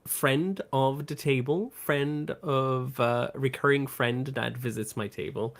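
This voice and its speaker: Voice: mid-range voice, gravelly. A co-host and convention artist, gushing fondly and telling stories in casual podcast chat. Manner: slow, warm-hearted, gushing storyteller.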